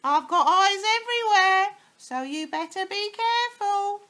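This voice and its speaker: A woman voicing a nasty old wife in a children's story, high and screeching. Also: animated, a little slow, sharp tone, exaggerated voice. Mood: cackling. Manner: screeching, cackling.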